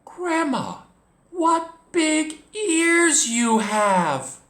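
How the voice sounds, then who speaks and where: A man voicing an excited, innocent little girl in a children's storybook play, with a singsong, drawn-out delivery. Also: very high-pitched, pitched above the performer's own voice, exaggerated voice. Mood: amazed. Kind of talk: children's storybook readers theater. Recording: echoey room.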